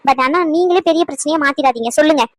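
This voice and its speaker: A woman playing a sharp-tongued young pregnant wife in a cartoon, talking fast and needling in a very high voice. The sound is close and dry. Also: dry recording, natural voice. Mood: coaxing. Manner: quick, needling, argumentative. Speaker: voice actor. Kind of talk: cartoon voice acting.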